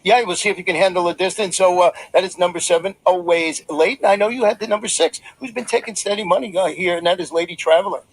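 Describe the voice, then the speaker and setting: A man hosting a horse racing preview, relaxed and joking as he runs the segment. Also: sits high, fast talker, hardly any pauses, breathy edge, dry recording, rough recording. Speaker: racing show host. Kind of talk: horse racing handicapping chat.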